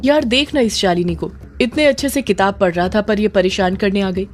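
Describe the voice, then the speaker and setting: A woman voicing a young husband who angrily shouts and scolds in a storybook tale. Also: medium pitch, normal speed, a little hiss or hum, close to an everyday voice. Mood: angry shouting. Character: angry young husband, bookish and harsh.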